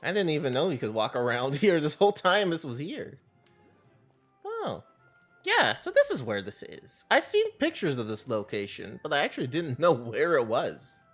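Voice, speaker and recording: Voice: mid-range voice, very animated, normal speed, a bit bright. A game live streamer chatting casually in a bubbly, cutesy, playful way. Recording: faint music behind. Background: faint game music.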